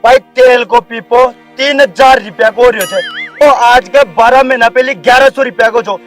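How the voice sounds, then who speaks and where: A man playing a loud, high-voiced village headman, Rajasthani accent. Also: moderate pace. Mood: complaining. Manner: pleading, then shouting demands. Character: stubborn, pleading male village headman protesting prices. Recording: background music and crowd noise.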